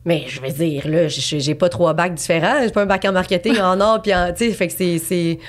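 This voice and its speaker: A woman's voice: fairly low pitch, fairly even intonation, a little fast. A woman in her twenties with a Québécois accent, a painter talking as a guest in a casual podcast interview, chatty and rambling with lots of fillers and restarts. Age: 20s.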